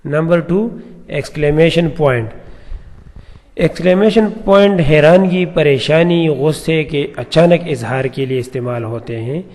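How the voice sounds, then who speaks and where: A man teaches a grammar lesson in a fairly high voice. He explains each point patiently and reads example sentences slowly. The recording carries a long, echoing reverb. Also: darkish tone. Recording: echoey room with long reverb.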